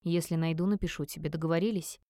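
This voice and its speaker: Woman doing a young man's voice, late twenties, gentle, calm, soft, reassuring, lowered tone, dry close recording, audiobook. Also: fast talker, no room sound, close to an everyday voice. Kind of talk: audiobook character voice.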